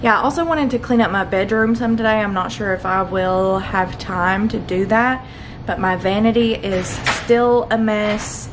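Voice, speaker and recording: A woman's voice: mid-range voice, steady tone, moderate pace, noisy background. A young woman talking casually to the camera in her home kitchen, chatty and upbeat, laughing often. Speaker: vlogger.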